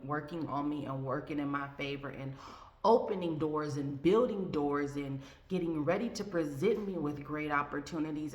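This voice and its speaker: A woman talking casually and from the heart in a faith vlog, rambling with many fillers and restarts. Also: sits low. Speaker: vlogger. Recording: echoey room with faint ambient noise.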